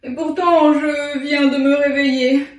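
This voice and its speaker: A woman's voice: sits high, flat delivery, unhurried. A woman voicing a sleepy, self-pitying male crocodile in a children's tale for toddlers, groaning and complaining hesitantly. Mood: drowsy, miserable. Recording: echoey room, distant from mic.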